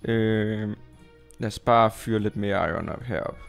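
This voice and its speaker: A Danish man commentating his Minecraft play, chatty and excitable, talking to viewers and to his pet, squealing when startled. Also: on the low side, vocal fry, clear, resonant tone, faint music behind. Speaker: gaming YouTuber.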